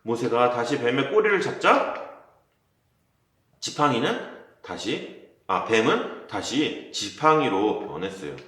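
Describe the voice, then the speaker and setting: A man's voice: medium pitch, very animated, slow, pauses often, a bit bright. A man giving a children's sermon, telling a Bible story in a friendly way and asking the children questions. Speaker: children's pastor. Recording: very echoey room.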